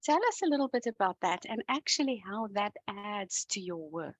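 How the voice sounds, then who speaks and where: A woman's voice: medium pitch, very animated, moderate pace, dry recording, low-quality recording. A woman hosting an interview, welcoming her guest and asking structured questions. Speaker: podcast host.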